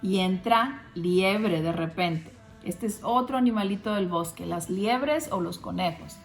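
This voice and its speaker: A woman reading a picture book aloud to children, gently pointing them to the pictures. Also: mid-range voice, lively intonation, a little slow. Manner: gentle, addresses kids, shows pictures. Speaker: storybook reader. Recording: roomy with faint music.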